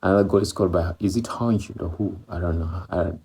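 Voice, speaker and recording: This East African football vlogger has a deep, darkish, gravelly and husky voice and speaks briskly. English is his second language, after Swahili or Maloko. He chats casually about a football match, rambling with many fillers and repeats.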